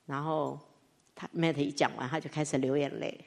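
A woman preaching a sermon, animated, moving from soft talk to loud, high outbursts. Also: moderate pace, vocal fry. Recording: long reverb of a church hall.

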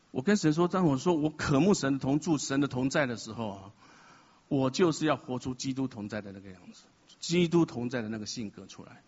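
A man's voice: mid-range voice, husky. A man sharing an emotional, confessional testimony at a church gathering, mixing self-mocking humor into his story. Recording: dull sound in a reverberant hall.

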